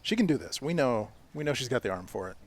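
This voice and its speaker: A man's voice: mid-range voice, big pitch swings, quick pace. An American man giving casual color commentary on a sports event. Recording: live event with crowd noise.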